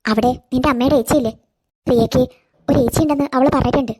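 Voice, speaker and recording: A woman voicing a tender, self-sacrificing grandmother in a cartoon, gentle and coaxing. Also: sits high, fairly even intonation, fast, breathy edge, voice pushed down. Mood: sad. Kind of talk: cartoon voice acting.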